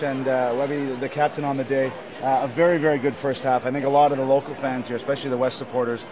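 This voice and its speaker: A man hosting post-match interviews at an outdoor stadium, asking brisk, chatty questions. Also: medium pitch. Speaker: host and interviewer. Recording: crowd noise behind.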